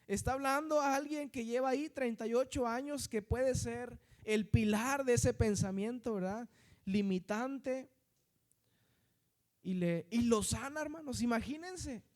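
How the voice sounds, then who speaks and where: High-voiced northern Mexican preacher. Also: male voice, a little mellow. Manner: conversational preaching, constant tag questions and addressing the brethren. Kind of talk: sermon.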